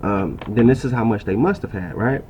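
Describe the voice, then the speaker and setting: A man with a lowish voice reads an article from his laptop at a moderate pace, chatting about it casually and peppering his talk with "right?" and "bro." The sound is lo-fi, carrying a little hiss or hum.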